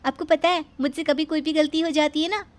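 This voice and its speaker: A woman voicing a naive, tender-hearted young daughter-in-law in an animated story, speaking earnestly and apologetically. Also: high voice, a little fast, background noise, lightly acted. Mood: modest. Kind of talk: Hindi cartoon voice acting.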